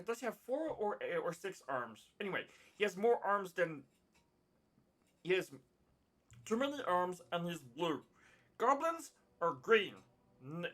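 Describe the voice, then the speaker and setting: Rambling tabletop player, lively voice. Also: mid-range voice. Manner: rambling, repeats itself. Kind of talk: casual chat.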